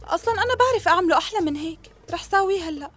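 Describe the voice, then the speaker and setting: A chatty young woman, high and rapid. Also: expressive, fairly bright tone, soft background music. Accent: Syrian Arabic. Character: chatty young woman fussing over her hair. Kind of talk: dubbed TV drama.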